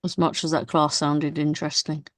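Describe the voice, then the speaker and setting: A woman's voice: low-pitched, level tone, normal speed, no echo. A woman co-hosting a live stream, bantering in a teasing, matter-of-fact way. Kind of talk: casual live stream chat.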